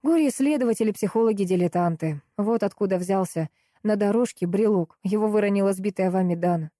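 A woman narrating a first-person audiobook in an even, measured reading. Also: medium pitch, no room sound, studio quality. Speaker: audiobook reader.

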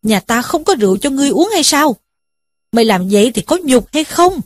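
A woman's voice: high-pitched, lively intonation, a little fast, no echo. A woman voicing a shrewd middle-aged village headman who scolds in a commanding way. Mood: scolding.

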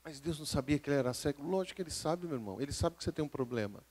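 A man's voice: fairly high pitch, animated, rapid-fire. A man with a Brazilian Portuguese accent, preaching a live sermon as pastor and calling out to the congregation. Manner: emphatic preaching that swings between hushed and loud, calling out to the congregation.

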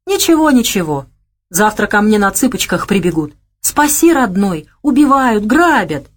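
A woman's voice: mid-range voice, big pitch swings, moderate pace, voice pushed up. A woman doing a hot-tempered gangster man. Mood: gruff. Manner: gruff, boastful, blustering. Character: gruff young gangster man, quick-tempered.

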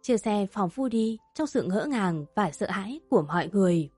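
A woman narrating a dramatic family story in an emotive, steady storytelling voice. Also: mid-range voice, moderate pace, husky, no echo, faint music behind.

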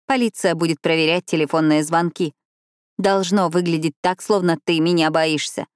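A woman's voice: sits low, fairly even intonation, normal speed, clear, resonant tone, no echo, studio quality, lightly acted. A woman reading a determined young woman who keeps insisting firmly. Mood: insistent.

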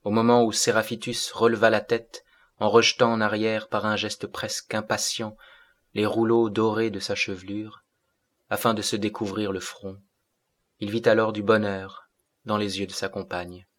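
A man narrating a classic novel as an audiobook in a measured way. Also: on the low side, little pitch movement, a bit bright.

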